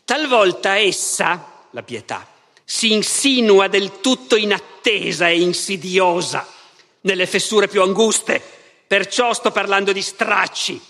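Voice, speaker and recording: A man doing Voland, a slow sardonic Devil. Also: sits high, pushed and bright, pitched above the performer's own voice, exaggerated voice. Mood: mocking. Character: the Devil, sardonic ancient male sorcerer. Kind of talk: dramatic reading aloud. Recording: reverberant festival hall.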